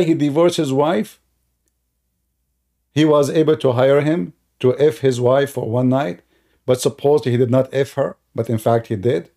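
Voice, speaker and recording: A man whose first language is Arabic has a mellow, slightly high voice. He provides casual commentary while a video plays on screen, telling stories loosely and talkatively with non-native grammar and lots of fillers.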